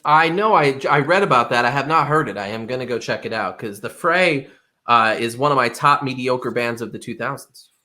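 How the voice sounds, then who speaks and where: A man's voice: mid-range voice, fairly quick, bright, forceful tone. A man co-hosting a podcast in casual banter, joking and laughing often. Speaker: podcast co-host.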